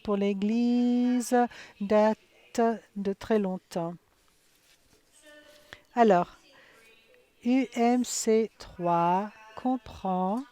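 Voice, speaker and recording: Slow, mellow-voiced woman interpreting live. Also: medium pitch. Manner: halting, with pauses, fillers and self-corrections. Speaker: simultaneous interpreter. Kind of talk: live interpretation of a conference session.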